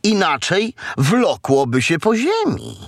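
A man reading a children's story aloud, slow and gravelly. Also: sits high, wildly swooping pitch, no echo, clean studio sound.

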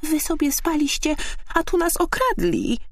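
An excitable little female squirrel, voiced by a man, shrill and very high, fussing and accusing in quick swings of pitch. A storybook critter recorded dry and close. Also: dry recording, exaggerated voice. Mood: agitated. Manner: agitated, accusing.

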